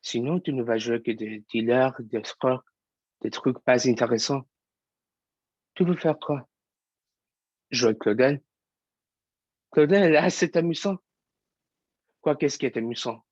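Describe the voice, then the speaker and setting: A man's voice: mid-range voice, unhurried, long pauses, no echo, muffled recording, lightly acted. A young man acting a frustrated young actor in a stage monologue, firing off urgent, agitated questions. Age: young adult. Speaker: student actor.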